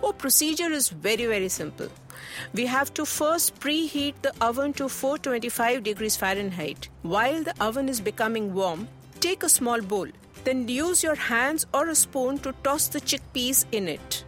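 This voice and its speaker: A woman's voice: a little high, lively intonation, normal speed, a bit bright. A woman with an Indian accent playing a helpful, health-conscious mother in a scripted chat, instructive and mixing Hindi into English. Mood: instructive, upbeat. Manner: chatty, instructive, Hindi-English code-switching. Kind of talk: scripted conversational dialogue. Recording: music bed under the voice.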